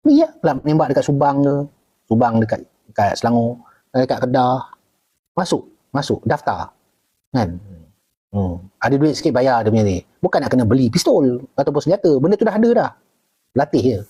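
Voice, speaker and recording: A middle-aged man with a Malaysian Malay accent takes viewer questions in a loose live chat. His voice is husky and mellow. He talks animatedly, jumping up high to hammer a point home and tossing in quick "okay?"s. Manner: animated, leaps high for emphasis, keeps checking in with "okay?" and "right?". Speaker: retired army officer answering viewer questions. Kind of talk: casual live Q&A.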